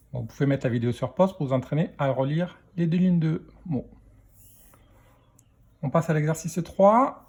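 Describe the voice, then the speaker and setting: A man teaching a children's reading lesson, slowly sounding out letters and syllables one by one. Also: fairly high pitch, vocal fry, dark tone, slightly rough. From France. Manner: slow, spelling out sounds letter by letter.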